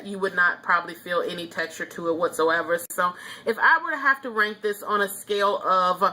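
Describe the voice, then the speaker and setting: Woman, beauty vlogger, casual review, chatty, opinionated, bright clear tone. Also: mid-range voice. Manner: chatty, opinionated, frequent ums and laughs.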